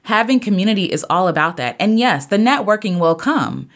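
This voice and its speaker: A woman in her thirties hosting a podcast, talking earnestly and preachily in a casual motivational monologue, with sudden jumps up in pitch. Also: animated, a little fast. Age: 30s. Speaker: podcast host and singer.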